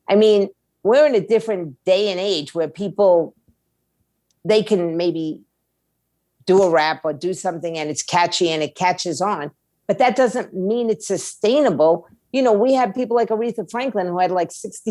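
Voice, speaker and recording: A music attorney and label owner, interviewed as a guest, offers candid, conversational advice in a blunt, plain-spoken way. Her fairly low voice is a little mellow, with no room sound.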